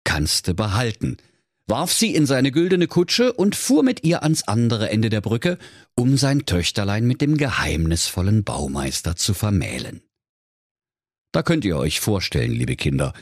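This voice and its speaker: A middle-aged male storyteller with a Saxon accent and a lowish voice playfully narrates a comic fairy tale for children. The recording is dry and studio quality.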